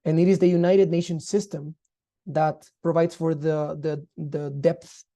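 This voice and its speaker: Very dark-voiced man lecturing. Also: a little high, little pitch movement. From Guatemala. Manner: measured, formal, explanatory. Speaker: law lecturer. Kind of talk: online lecture.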